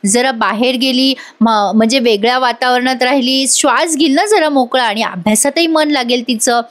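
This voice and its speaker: A woman voicing a gentle, worried father who speaks kindly to his family. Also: sits high, normal speed, natural voice. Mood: caring.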